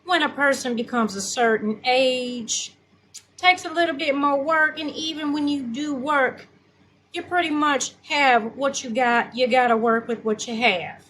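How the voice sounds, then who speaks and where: A sassy makeup consultant talks bluntly and slowly, voiced by a woman. Her high voice is bright and sharp, with plenty of attitude and slang. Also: rough recording.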